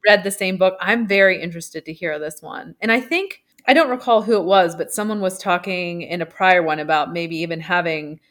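Lower-voiced woman in casual chat. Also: brisk, hardly any pauses, a bit bright. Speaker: romance author, podcast guest.

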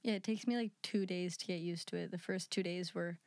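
A woman's voice: fairly low pitch, fairly even intonation, a little fast, a little mellow, no room sound, studio quality. A woman co-hosting a podcast, chatting casually and narrating in an informal, self-deprecating manner. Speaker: podcast co-host. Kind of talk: casual chat with some case narration.

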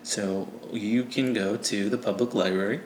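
A man's voice: on the low side, fairly even intonation, moderate pace, a little mellow. A man narrating as game master in a casual, joking way. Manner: casual, laughing, loose and joking. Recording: echoey room with faint ambient noise.

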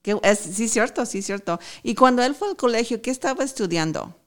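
A woman's voice: on the high side, expressive, fairly quick. Friendly woman interviewer. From Piedras Negras, Mexico. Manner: friendly, affirming. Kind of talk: casual interview talk.

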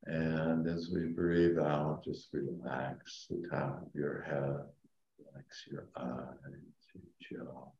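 A man with an extremely deep voice leads a guided meditation in the manner of a sleep story narrator. He speaks very slowly and softly, leaving calming gaps between phrases. The sound is dull and roomy. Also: creaky. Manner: soft, hushed, calming delivery with long pauses. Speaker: spiritual teacher and meditation guide.

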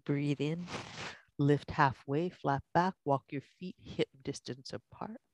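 Yoga teacher, slow breathing-coach delivery, short spaced cues for a guided class, dry sound. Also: medium pitch, steady tone, no room sound. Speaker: yoga instructor.

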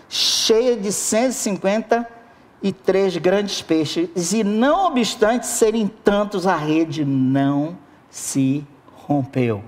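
A preacher delivering a sermon with an expressive manner, talking straight to the congregation. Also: medium pitch. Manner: expressive, addresses the congregation directly.

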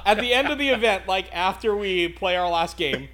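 A man co-hosting a casual podcast chat, telling animated, profanity-laced stories about his games. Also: high-pitched, moderate pace. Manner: animated, profane ranting storyteller. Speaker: podcast co-host.

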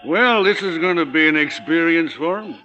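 An actor playing a stubborn, indignant old American hotel owner in 1940s radio style, with a creaky, strained voice. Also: male voice, a little high, expressive, normal speed, sharp tone. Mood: folksy. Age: older. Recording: dull old radio recording, faint music.

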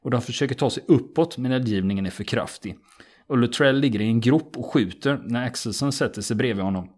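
Speaking in a mid-range voice, a man recounts a true story during an easygoing podcast chat. His delivery is even and matter-of-fact, sprinkled with lots of little fillers.

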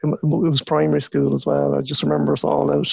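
A man's voice: medium pitch, very animated, brisk, vocal fry, dark tone, slightly rough, dry recording, muffled recording. A man from Galway with a west of Ireland accent, a lecturer chatting casually as an interview guest, circling into his points with repeated words.

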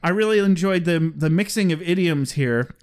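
A man co-hosts a podcast in loose, casual chat. He laughs often and drops in jokey asides. His voice sits a bit high for a man. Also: moderate pace, darkish tone, clean tone. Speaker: podcast co-host.

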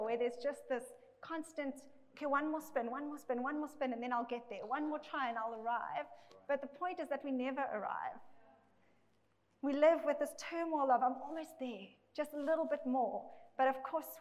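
Woman preacher, high voice, casual sermon delivery, heavy big-hall echo. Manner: conversational, often checks in with "okay". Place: large church hall with a congregation. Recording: echoey recording in a big hall.

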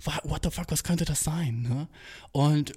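Young male podcaster, slightly high voice, loose slang full of English curses, cheap phone mic. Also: unhurried, a little mellow, slightly rough. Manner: slangy, full of English swearing, "Bro" and "Dude". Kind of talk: casual solo podcast monologue. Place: small makeshift home studio. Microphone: cheap smartphone.

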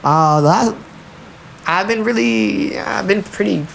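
A man talking in a relaxed, loose way on a podcast, swearing freely and leaning on slang. His voice has a gravelly, fry-heavy edge, and a faint hiss of noise sits behind it. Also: high voice, measured pace, low-quality recording. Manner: profane, laid-back slang, frequent "you know what I'm saying". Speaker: podcast co-host. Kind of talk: casual chat.

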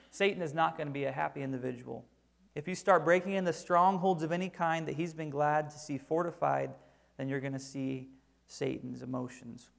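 A male preacher with a strongly gravelly, creaky voice, pitched a bit above the usual for a man. He reads scripture aloud, then explains each passage with emphasis. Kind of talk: sermon.

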